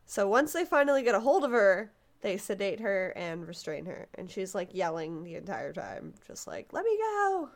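A woman co-hosting a podcast recounts a disturbing story in a casual, animated manner, stumbling over words and acting out quotes. Her gravelly, medium-pitched voice moves at a normal speed with few pauses.

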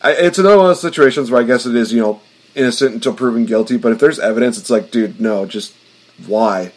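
A man's voice: medium pitch, quick pace. A man hosting a casual podcast, rambling through his points with lots of fillers. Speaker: podcast host.

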